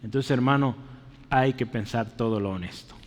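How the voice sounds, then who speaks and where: A man's voice: medium pitch, normal speed, big-room sound, a little hiss or hum. A man preaching a sermon earnestly, calling his listeners brother and asking them questions. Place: church.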